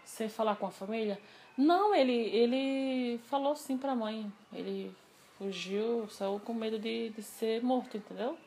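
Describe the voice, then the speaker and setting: A woman telling a personal story in a casual interview, animated and acting out the dialogue she quotes. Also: on the high side, a little slow, a little hiss or hum.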